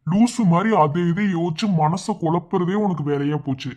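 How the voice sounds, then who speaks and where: A man's voice: fairly high pitch, moderate pace, a little mellow, lightly acted. A man voicing a protective young fiancé in a cartoon, speaking with a Madurai Tamil accent, reassuring and affectionately teasing. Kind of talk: cartoon voice acting.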